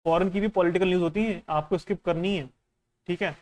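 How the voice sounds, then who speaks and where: A man's voice: high voice, steady tone, fast, darkish tone. A man coaching exam students in a casual lesson, talking the listener through a newspaper in a conversational, instructive way and mixing in English phrases. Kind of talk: casual teaching while going through a newspaper.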